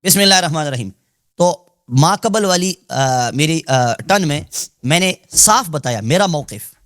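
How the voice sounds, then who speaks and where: A man debating as a guest cleric, laying out his position deliberately and checking agreement after each point. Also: fairly high pitch, expressive, a bit bright, dry recording, studio quality. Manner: deliberate, repeats "theek hai?" to check agreement. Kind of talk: heated live debate.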